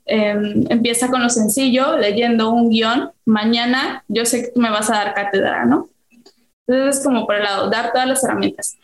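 A woman's voice: on the high side, fairly even intonation, normal speed, a little hiss or hum. A woman with a Mexican accent, a podcast guest chatting casually about her consulting work and acting out little example conversations with fillers. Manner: chatty, explains with acted-out examples and frequent fillers. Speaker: guest, soft-skills and marketing consultant. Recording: roomy echo.

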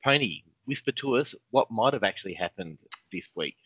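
A man's voice: on the low side, animated, fairly quick, sharp tone, slightly rough. A man co-hosting a casual fantasy football chat, laid-back and jokey with lots of ums. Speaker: podcast co-host. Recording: dull lo-fi sound.

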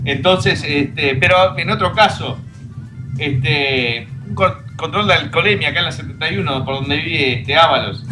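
A man with an Argentine accent telling jokes casually, filling pauses with "este". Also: on the high side, poor audio. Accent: Rioplatense Argentine. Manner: loud shouts of laughter, fillers like "este". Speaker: comedy show co-host. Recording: music playing behind.

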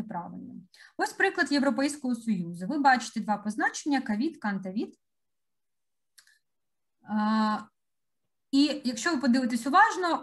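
A woman giving an expert presentation with slides, explaining step by step through examples and often pausing on hesitant fillers. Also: on the high side. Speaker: conference speaker.

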